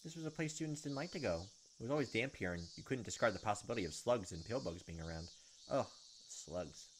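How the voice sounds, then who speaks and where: With a lowish voice, lively intonation, and a quick pace, a let's play host reads a visual novel's narration aloud from his desk, dropping in blunt, offhand reactions. Background noise includes game music and insect sounds, and a webcam shows him at his desk.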